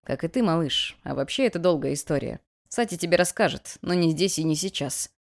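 A woman voicing a gruff but kindly male mentor in an audiobook, using a grumbling, lowered tone. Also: lively intonation, fairly quick.

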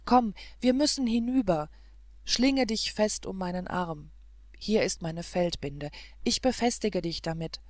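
A woman reads a brave, devoted young hero from a fairy-tale audiobook. He speaks with fervent urgency. The delivery is slow and measured, and the sound is dry and close. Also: lowish voice, expressive, no echo. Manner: fervent, urging.

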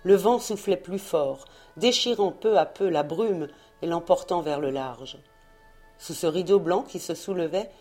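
A woman narrating a novel in a measured, expressive reading voice. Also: lowish voice. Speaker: audiobook reader. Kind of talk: scripted narration.

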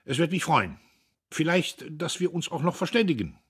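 Brief: reader playing a blustering, cowardly bully of a factory owner, loud and raised, husky. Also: male voice, medium pitch, very animated, a little fast, pitched above the performer's own voice, heavily acted. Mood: haughty. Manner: loud and haughty. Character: pompous, blustering young businessman.

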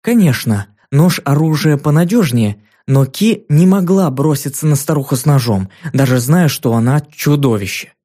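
A man narrates a children's fantasy audiobook in a measured, storytelling read. His voice sits a little high for a man, yet the tone is mellow and dark. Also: expressive. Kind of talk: scripted narration.

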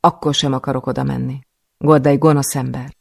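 A man voicing a frightened captive girl who refuses quietly in a low, gravelly voice. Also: level tone. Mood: defiant.

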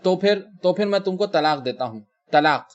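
A man's voice: muffled recording, natural voice. A man voicing an exasperated husband who gives his wife curt, commanding orders in a short story reading. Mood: stern. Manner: curt, commanding, then low and steady.

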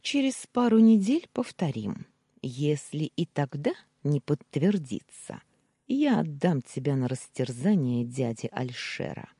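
A woman's voice: low voice, sing-song, unhurried, breathy edge, no echo, studio quality, full character voice. A woman voicing Maryam, a scornful young wife. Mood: cold, demanding. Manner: sharp, scornful, hissing.

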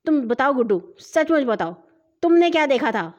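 A woman's voice: sits high, big pitch swings, darkish tone, lo-fi sound. A woman doing an impatient older sister. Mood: irritated.

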